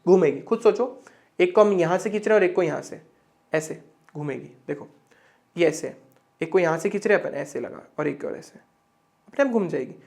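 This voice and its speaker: High-voiced man teaching physics. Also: lively intonation, fairly quick, gravelly, pauses often, darkish tone. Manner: conversational, asks and answers his own questions; repeats words for emphasis. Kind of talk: whiteboard physics lesson.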